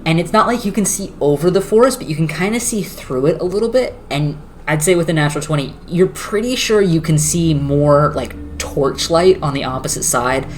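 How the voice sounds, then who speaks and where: A game master narrating a tabletop game, describing a scene in slow, searching phrases with filler words. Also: medium pitch, slight background noise.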